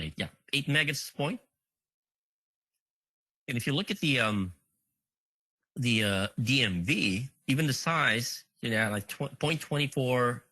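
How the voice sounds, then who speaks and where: A man presenting at a conference walks through a live technical demo, thinking aloud, counting items on screen, and using frequent fillers. His mid-range voice is bright, forward, and slightly rough, rising and falling a lot. The sound is dry and close, with no room echo.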